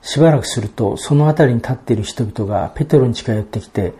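Mellow-voiced male preacher. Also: medium pitch. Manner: measured expository preaching, reading out Bible verses. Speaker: pastor. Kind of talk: sermon.

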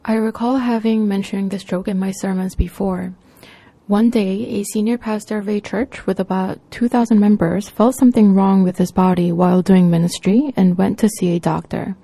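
Mellow-voiced woman preaching a sermon. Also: medium pitch, no room sound.

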